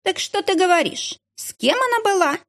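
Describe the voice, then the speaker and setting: Woman doing a shrill rude hospital nurse. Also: lively intonation, normal speed, fairly bright tone, exaggerated voice. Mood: gossiping. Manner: snappish, dismissive, shrill. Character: rude, irritable female hospital duty nurse.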